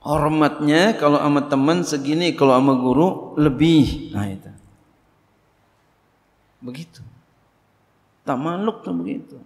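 A middle-aged man teaching a religious book study, talking animatedly, leaping in pitch and acting out bits of dialogue. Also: a little slow, long pauses. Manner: animated, acts out quoted dialogue, big pitch leaps. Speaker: Islamic teacher. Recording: long hall reverb.

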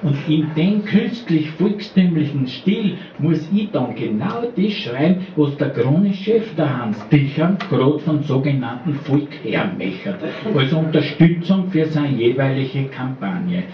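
A man's voice: on the high side, expressive, measured pace, slight background noise. A man performing a dialect poem at a slam, telling it with dry wit. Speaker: slam poet. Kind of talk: dialect poetry reading. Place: small bar at a live poetry slam. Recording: roomy, distant, dull live recording.

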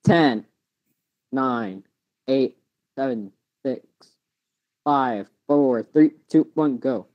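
Low-voiced woman gamer, bossy and teasing. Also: very slow, pauses often, muffled recording. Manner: bossy, teasing, directing others. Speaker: gaming channel host. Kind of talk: casual gaming chat.

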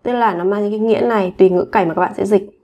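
A woman teaching Korean vocabulary to Vietnamese learners, saying each word slowly and clearly and repeating it several times. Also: medium pitch, steady tone, mellow, muffled recording. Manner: slow, clear word-by-word repetition. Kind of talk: vocabulary drill lesson.

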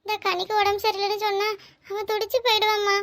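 An older village mother in a cartoon comforts her family in a soft, consoling way. She has a southern Tamil Nadu accent. The voice is strikingly high. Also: monotone, fast talker, a little hiss or hum. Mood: comforting.

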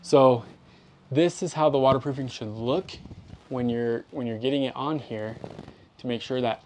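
A man's voice: mid-range voice, moderate pace, darkish tone. Upbeat man explaining outdoors on a phone. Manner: upbeat and chatty, explaining step by step. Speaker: building contractor. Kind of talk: on-site how-to walkthrough. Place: outdoors at a basement walkout door. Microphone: phone held at arm's length.

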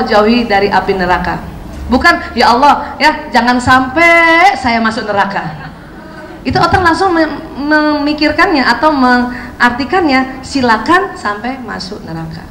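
A woman in her fifties leads a lively religious talk on parenting, her voice high and bouncing as she acts out the lines she quotes. The sound is roomy, with a faint hum of ambience behind her. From Indonesia. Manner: animated, acts out quoted speech, laughs often. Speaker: lecturer giving a parenting talk.

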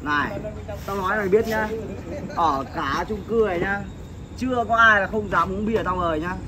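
A man's voice: high voice, moderate pace, crowd noise, natural voice. An actor playing a pushy drunk young man who harasses women at an outdoor beer bar, slurring and picking fights. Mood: belligerent drunk. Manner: slurred, belligerent, aggressive.

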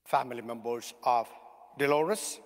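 A man serving as priest, reading the Gospel at a funeral Mass in a measured liturgical way, his voice ringing with cathedral echo. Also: medium pitch. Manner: slow, measured liturgical delivery. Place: large church. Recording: long church reverb, heard from a distance.

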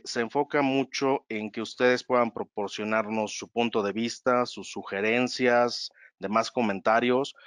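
A man presenting slides in a webinar, explaining in a measured way and calling for the next slide. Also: fairly low pitch, fairly bright tone, clean tone, no room sound.

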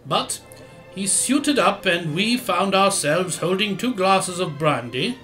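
A man acts a courteous, theatrical gentleman doctor in an audio play. His voice is high and swoops expressively as he tells his story. Soft music plays behind. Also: lively intonation, slow, exaggerated voice, rough recording. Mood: storytelling. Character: genial, theatrical gentleman doctor telling a tale.

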